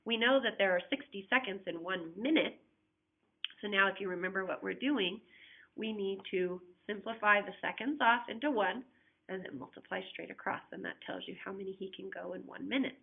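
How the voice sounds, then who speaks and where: A woman teacher speaks briskly at medium pitch, her voice slightly rough with vocal fry. She patiently walks students through unit conversions in a recorded flipped-classroom lesson, asking them to check along, coughing repeatedly over tinny, phone-like audio.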